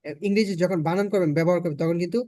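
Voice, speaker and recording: A man's voice: high-pitched, very fast, a little mellow, no room sound, clean studio sound. A man with a Bangladeshi Bengali accent teaching an online spoken English class, patiently repeating his points for learners.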